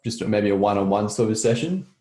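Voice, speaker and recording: A man's voice: fairly low pitch, animated, a little fast, dark tone. A man hosting a podcast interview, talking in an earnest, reflective way. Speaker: podcast host. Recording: roomy echo.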